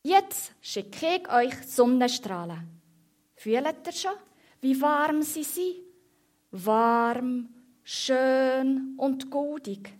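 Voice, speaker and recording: Woman reading a calm, dreamy little mouse poet for a storybook, gentle lilt, slow and raised. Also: high voice, heavily acted. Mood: soothing.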